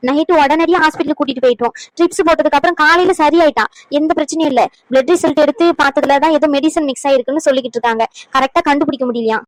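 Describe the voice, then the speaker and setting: A cunning cartoon plotter, voiced by a woman, smug in her asides and sweetly worried in company. Her voice sits high and bright, recorded dry and close with no room around it. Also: no room sound, close to an everyday voice, low-quality recording. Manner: sly gloating asides, fake worry when others listen. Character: scheming woman who secretly plots against a pregnant girl. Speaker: cartoon character.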